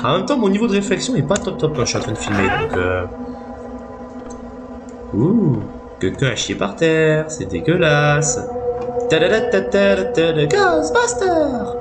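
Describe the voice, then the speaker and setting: A man's voice: fairly high pitch, big pitch swings, moderate pace. A man giving casual, joking let's play commentary on a horror game, slangy and full of swearing, with a self-deprecating streak. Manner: crude, slangy, swears often. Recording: loud game music behind the voice. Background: horror game music.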